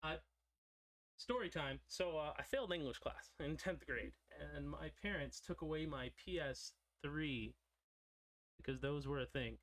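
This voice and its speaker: A man's voice: a little high, a little slow, fairly bright tone. A young man streaming while he draws, chatting casually and drifting into side stories. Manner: rambling, digressive storytelling. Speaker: streamer drawing a character.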